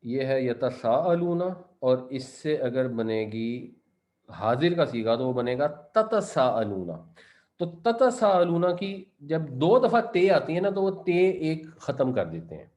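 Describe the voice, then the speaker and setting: A man's voice: medium pitch, very animated, slow pace, a little mellow. A man giving a Quran commentary lesson, reciting verses and then explaining their grammar step by step. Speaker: Quran teacher.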